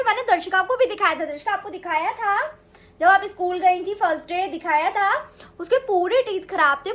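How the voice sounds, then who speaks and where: A woman's voice: extremely high pitch, pushed and bright. A woman playing the mother in a scripted family vlog skit, scolding and lecturing her child while talking to the viewers. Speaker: mother and vlogger.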